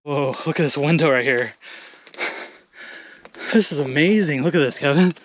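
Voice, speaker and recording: A man filming himself as he hikes outdoors, out of breath and exclaiming excitedly on a handheld camera mic. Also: on the high side, normal speed, slight background noise. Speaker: vlogger exploring ruins. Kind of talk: excited on-the-spot hiking commentary. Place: outdoors on a hilltop.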